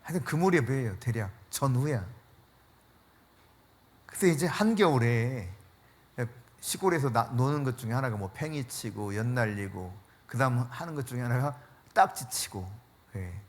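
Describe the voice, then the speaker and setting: A man preaching a sermon as pastor, telling stories in an animated way with frequent laughter and dropping to a hushed voice for emphasis. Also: moderate pace. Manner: drops to a hushed low voice for emphasis.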